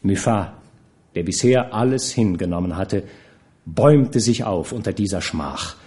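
Expressive male audiobook narrator. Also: sits low. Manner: expressive, measured storytelling. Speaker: audiobook reader. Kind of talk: scripted narration.

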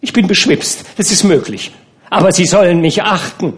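A flighty young courtesan, tipsy and easily offended, her voice pitched high and shrill, as a male audiobook reader puts her on. Her outbursts come in quick bursts of indignation. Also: lively intonation. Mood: indignant. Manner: shrill outbursts, then gushing tenderness. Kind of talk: audiobook character reading.

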